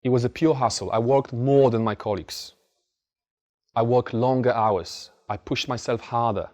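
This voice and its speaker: At medium pitch and normal speed, a slightly mellow-voiced Polish man speaks with a Polish accent as a motivational speaker before a live audience. His talk is frank and informal, full of stories and repeated emphasis.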